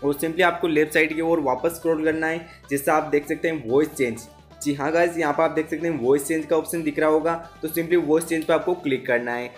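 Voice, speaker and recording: A man's voice: on the high side, fairly even intonation, fairly quick, faint music behind. A man with an Indian accent giving a casual step-by-step phone tutorial, instructing viewers directly and often repeating himself. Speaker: tech tutorial host.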